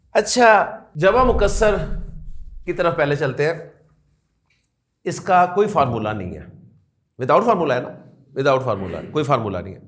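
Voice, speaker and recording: A man teaching a class, who keeps asking his students questions and repeating the key points. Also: a little high. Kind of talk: classroom lecture.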